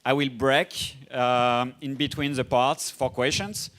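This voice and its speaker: A young man from France with a strong French accent, giving a casual, fast-paced conference masterclass. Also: medium pitch, fairly even intonation, fairly bright tone. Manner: fast, casual, self-deprecating, with filler restarts. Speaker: conference speaker. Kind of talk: masterclass presentation.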